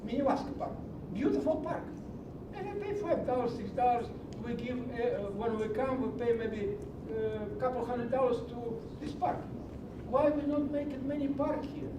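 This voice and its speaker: A middle-aged man, speaking broken English in a passionate, preachy public comment at a county meeting. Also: normal speed. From Greece. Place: large meeting hall. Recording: echoey hall from far off with low rumble.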